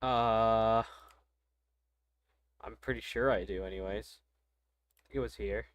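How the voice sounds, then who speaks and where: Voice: medium pitch, steady tone, slow. A young adult gaming streamer chatting casually and muttering reactions over gameplay.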